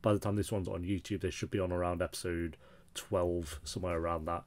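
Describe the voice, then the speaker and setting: A man's voice: sits low, steady tone, a little fast, darkish tone. A man hosting a reaction video with casual, off-the-cuff commentary while show audio plays behind him.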